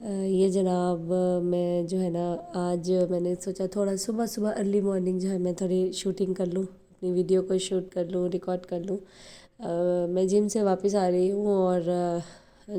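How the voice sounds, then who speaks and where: A woman from Pakistan talking quickly and chattily to her viewers in a casual vlog, her voice a little hoarse from flu, with many fillers. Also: lowish voice, mellow. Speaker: vlogger.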